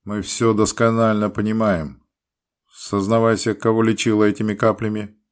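A man doing a stern, loud country medic. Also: fairly low pitch, level tone, normal speed, pitched above the performer's own voice, close to an everyday voice. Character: stern older male country medic, no-nonsense.

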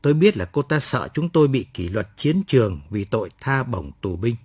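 A man's voice: medium pitch, breathy edge, no echo, clean studio sound. Male late-night story narrator. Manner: measured, expressive storytelling.

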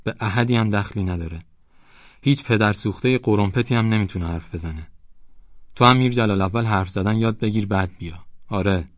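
Narrator doing a bossy village headman, husky and sleepy, fairly high for the reader, dull dry recording. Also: no echo, natural voice. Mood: dismissive. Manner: bossy, boastful, scolding. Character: gruff swaggering male village headman.

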